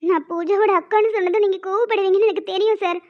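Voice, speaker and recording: Woman voicing a frantic cartoon young woman, very high squeaky pitch, earnest begging tone, dull lo-fi sound. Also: steady tone, fast. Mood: pleading. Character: pleading young woman, anxious informant. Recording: dull lo-fi recording.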